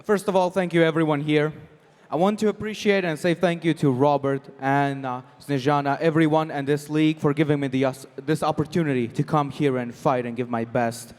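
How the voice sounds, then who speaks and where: A man's voice: fairly high pitch, steady tone, a little fast, few pauses, a little mellow. A man interpreting live for an athlete in a post-match interview. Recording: long hall reverb.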